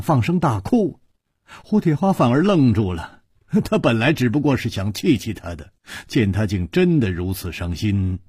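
A man narrating a story in an animated, dramatic radio storytelling style. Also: lowish voice, slightly rough, dry recording, clean studio sound.

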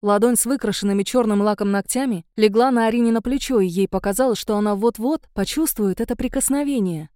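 A woman narrates an audiobook in an even, unhurried voice of medium pitch. Her tone is dark and mellow. The recording is close and dry. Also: no echo.

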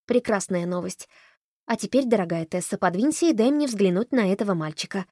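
A woman voicing a cheerful, motherly caretaker who coos gently. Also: mid-range voice, a little fast, no room sound, studio quality, lightly acted. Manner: cheery, cooing.

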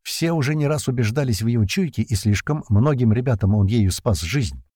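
Guy reading an audiobook, low warm voice, dry close mic. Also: animated, brisk, husky, no room sound. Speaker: audiobook narrator. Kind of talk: first-person audiobook narration.

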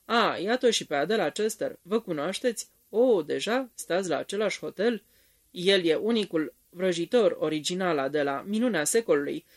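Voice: medium pitch, lively intonation. A reader voicing a chattering society lady who gushes and exclaims. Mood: gushing. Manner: effusive, exclaiming.

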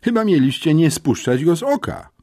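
A man's voice: medium pitch, wildly swooping pitch, measured pace, a little mellow, husky, pitched above the performer's own voice, full character voice. A man voicing a stern, pompous school headmistress in an audiobook, curt and commanding. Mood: impatient. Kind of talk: audiobook character voice.

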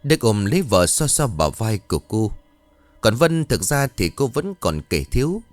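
A man narrating a scripted ghost story with a measured storytelling cadence. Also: on the low side, big pitch swings, dry recording, faint music behind.

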